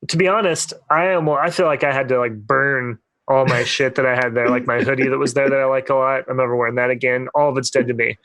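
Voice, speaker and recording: A man's voice: medium pitch, steady tone, fast talker, hardly any pauses, fairly bright tone, dry recording. A young man, co-hosting a casual podcast and telling a long rambling story full of fillers. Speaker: podcast co-host. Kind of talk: casual storytelling among friends.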